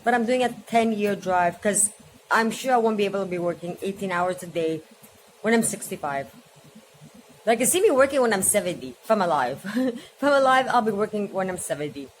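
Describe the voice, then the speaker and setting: Woman, forties, casual vlog chat, rambling, hops between topics, medium pitch, faint background noise. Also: animated, brisk. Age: 40s. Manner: rambling, chatty, jumps between subjects. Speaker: vlogger.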